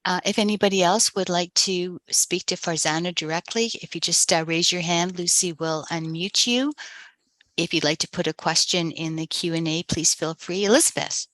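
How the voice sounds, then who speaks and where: A woman moderates an online Q&A in a bright, forceful voice that sits a little low. She gives procedural instructions calmly and in order. The sound is dry and close. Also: moderate pace, dry recording. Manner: organized, procedural. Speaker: event moderator. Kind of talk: moderating a virtual library talk.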